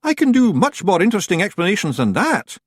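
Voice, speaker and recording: A tiny clan chief of little fairy men chatters in a squeaky, shrill Scottish voice, eager and evasive. His voice leaps up high and swings wildly. The take is close and dry. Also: wildly swooping pitch, fast, breathy edge, no room sound, heavily acted. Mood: nervous.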